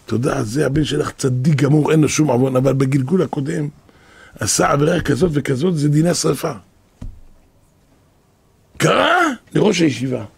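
A man's voice: a little high, vocal fry, pauses often, slightly rough, dry recording. A man, a rabbi, telling stories in a sermon, repeating phrases for emphasis and acting out what people said. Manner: repeats phrases for emphasis, acts out quoted speech. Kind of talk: storytelling sermon.

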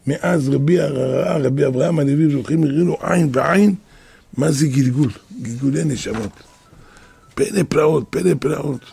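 The speaker is a rabbi whose voice is a little high, mellow, and husky, with some vocal fry. He narrates stories as a sermon, acting out quoted lines and repeating phrases for emphasis.

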